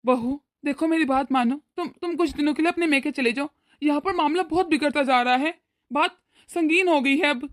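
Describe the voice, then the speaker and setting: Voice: high-pitched, a little fast, fairly bright tone, no echo, clean studio sound. A voice actor playing a weary, peacemaking older father-in-law in a cartoon, pleading with his wife. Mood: worried. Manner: pleading, soothing. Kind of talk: cartoon voice acting.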